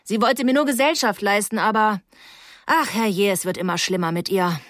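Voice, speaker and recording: A woman's voice: medium pitch, moderate pace, a bit bright, no room sound, clean studio sound, close to an everyday voice. A woman voicing a fretful, chattering middle-aged woman in a slightly raised voice.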